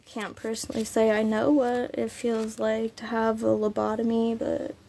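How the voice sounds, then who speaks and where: A woman with a hoarse, ill-sounding voice reads her original poetry on her channel, slow and unhurried, with plenty of ums. The delivery is flat and mellow at a fairly high pitch, over slight background noise.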